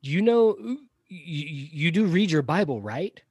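A man's voice: a little high, animated, a little slow, darkish tone, breathy edge, no echo. A man with a Southern accent, co-hosting a podcast and talking casually and opinionatedly, with frequent restarts and asides. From Florida-born, raised in Georgia. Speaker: podcast co-host. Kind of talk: casual conversational commentary.

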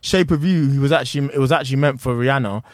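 Male interview host, London accent, average pitch, dry sound, relaxed chatty delivery. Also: very fast, no echo. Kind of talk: casual interview chat.

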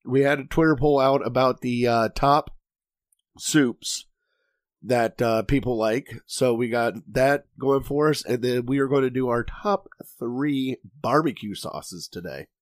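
A hoarse man hosts a casual podcast, his voice cracking as he talks. He rambles and jokes at his own expense, and the recording is dry and close. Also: mid-range voice, a little slow, no room sound. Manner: rambling, jokey, self-deprecating. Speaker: podcast host.

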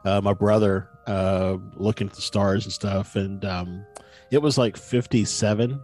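A man's voice: fairly low pitch, steady tone, measured pace, darkish tone, faint music behind. A man co-hosting a podcast, chatting casually and telling small anecdotes. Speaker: podcast co-host.

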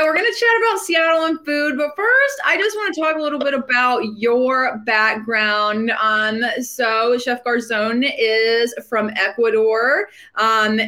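A woman hosting a food podcast in casual interview chat, bubbly and quick to laugh. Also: fairly high pitch, pushed and bright. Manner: bubbly, laughs often, Southern "y'all". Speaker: podcast host. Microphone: remote interview mic.

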